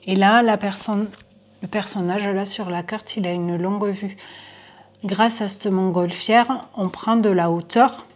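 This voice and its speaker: A woman's voice: medium pitch, fairly even intonation, a little slow. A woman doing a casual tarot card reading for viewers, thinking aloud with many hesitations.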